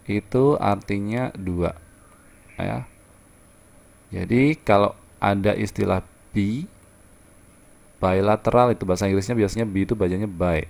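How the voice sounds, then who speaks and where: A man's voice: on the low side, gravelly, darkish tone. A man teaching a social studies lesson, explaining terms patiently and repeating himself with fillers. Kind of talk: classroom lecture.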